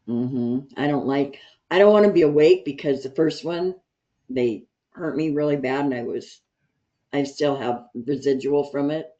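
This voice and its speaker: A woman telling a lively story in a support group over a video call, acting out what people said. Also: low voice, measured pace. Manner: animated, acts out quotes. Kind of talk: casual storytelling. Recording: dull video call audio.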